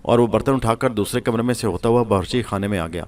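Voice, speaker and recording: A man narrating a scripted horror story in a steady storytelling manner. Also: fairly low pitch.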